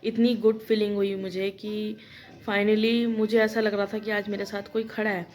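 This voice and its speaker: A woman's voice: mid-range voice, little pitch movement, moderate pace, darkish tone, poor audio. A young woman vlogging in casual chat, emotional and talkative, often addressing her viewers directly. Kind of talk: casual vlog talk.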